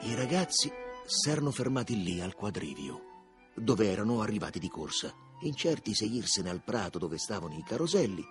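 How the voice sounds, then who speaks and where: A man narrating a literary audiobook in a measured, expressive reading. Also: low-pitched. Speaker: audiobook reader.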